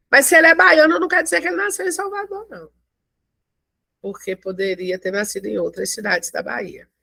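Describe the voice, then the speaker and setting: A woman teaches a math lesson in a classroom lecture, explaining step by step, slowly, and checking in with her listeners often. Her mid-range voice is creaky, pushed, and bright, and the recording is dry.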